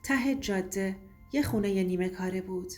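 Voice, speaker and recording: A woman giving a steady, tense first-person scripted story narration, with faint music behind. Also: mid-range voice.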